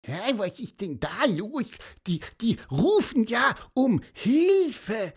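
A man reading a children's story, voicing a chatty, excitable little male bird who stammers with fillers. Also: takes it slowly, heavily acted. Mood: alarmed. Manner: high, chirpy, stammering with fillers.

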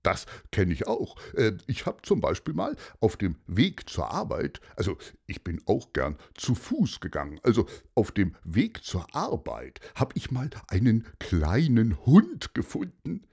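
A man voicing a friendly adult in a children's story, telling a small anecdote in a gentle, chatty way. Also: fairly low pitch, huge pitch swings, measured pace, gravelly, hardly any pauses, husky, heavily acted. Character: friendly adult man who loves walking. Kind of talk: storybook character voice.

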